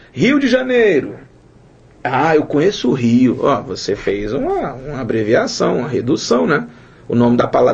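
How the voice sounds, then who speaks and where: A man from Brazil teaching an online grammar lesson in a lively, chatty way, joking with his students. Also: on the high side, creaky, husky. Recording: dull lo-fi sound.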